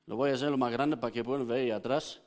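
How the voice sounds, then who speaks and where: A man's voice: medium pitch, steady tone, very fast, darkish tone. A man preaching a teaching sermon as pastor, explaining step by step and often checking in with his congregation. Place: church hall. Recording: long hall reverb.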